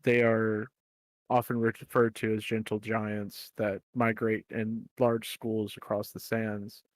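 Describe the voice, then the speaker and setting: A man narrating a tabletop game as game master, describing scenes in a relaxed way with many fillers. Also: fairly low pitch, takes it slowly, no echo.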